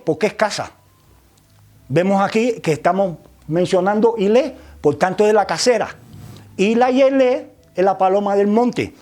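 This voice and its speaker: A man's voice: high-pitched, darkish tone. A man teaches religious vocabulary as a lecture, often adding tag questions and repeating words while searching for the next. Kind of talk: explanatory lecture.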